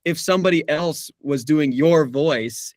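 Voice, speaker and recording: With a voice on the high side and a measured pace, the young voice actor guest talks casually, laughing a lot and often backing up to restart with fillers. The recording is dry and studio-clean.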